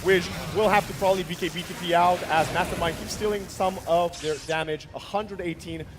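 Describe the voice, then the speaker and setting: High-voiced male esports caster. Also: steady tone, fairly quick, noisy background. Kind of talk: live esports commentary and match recap.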